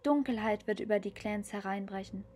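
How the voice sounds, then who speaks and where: A woman voicing a tiny ghostly female kitten spirit who speaks softly, slowly and soothingly. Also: medium pitch, faint music behind, lightly acted.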